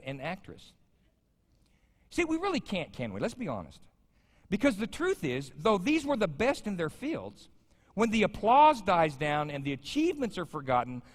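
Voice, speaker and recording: A man in his fifties preaching a sermon as pastor, conversational and joking with the congregation. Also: on the high side. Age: 50s. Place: large church sanctuary. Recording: church sanctuary with long reverb.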